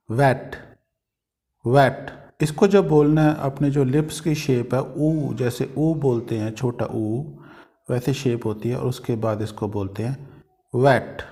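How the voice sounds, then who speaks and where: Slow, mellow-voiced male language teacher. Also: mid-range voice. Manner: slow, deliberate, repeats each example word several times. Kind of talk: pronunciation lesson.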